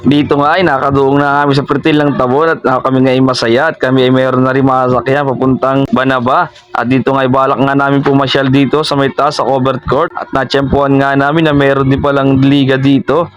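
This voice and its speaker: Flat-toned man narrating a travel vlog. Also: medium pitch, brisk, smooth, highs cut off. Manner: steady, even storytelling with repeated fillers. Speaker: vlogger and basketball referee.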